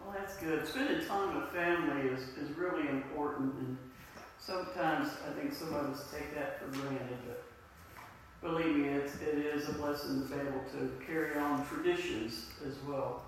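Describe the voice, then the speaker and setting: A woman's voice: deep voice, normal speed. A woman pastor with an Appalachian accent, speaking to her congregation during a church service. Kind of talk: church service talk and prayer. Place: inside a church, congregation present. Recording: roomy, distant church mic, faint noise.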